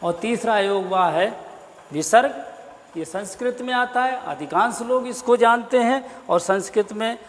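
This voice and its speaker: A male Hindi teacher giving a slow, deliberate grammar lesson, spelling sounds out one at a time. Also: high-pitched, fairly bright tone, in a large hall. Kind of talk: classroom-style explanatory lesson.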